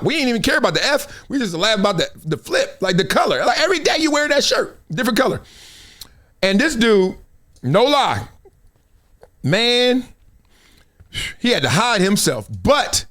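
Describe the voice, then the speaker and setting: A man's voice: high voice, a bit bright. A middle-aged man with an American accent, hosting a show with casual, slangy, joking commentary and storytelling. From United States, South Central Los Angeles. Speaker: show host.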